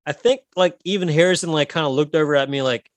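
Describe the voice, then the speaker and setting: A man's voice: on the high side, fast, no echo. A man co-hosting a casual podcast, telling stories loosely and swearing freely. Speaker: podcast co-host and improv comedian.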